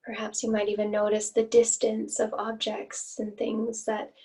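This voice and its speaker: Guiding a meditation, this woman instructor speaks in a voice on the high side with a completely flat delivery. Her words are gentle and inviting, broken by long pauses. The mic is placed at some distance.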